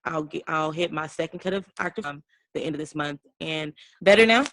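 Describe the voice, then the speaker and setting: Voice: medium pitch, a little fast, a bit bright, slight background noise, rough recording. A wellness coach giving a rambling, fired-up motivational talk on a group video call, full of fillers and restarts.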